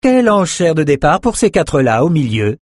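Audiobook: man doing a defiant young woman, high voice. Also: very animated, a little fast, a little mellow, no room sound, clean studio sound. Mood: forthright.

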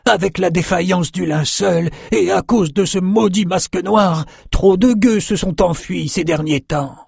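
A grasping nobleman, as a male narrator puts him on, drawing out his complaints in a high voice. The sound is dry and close. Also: measured pace, vocal fry, a little mellow, husky, dry recording, full character voice. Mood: complaining.

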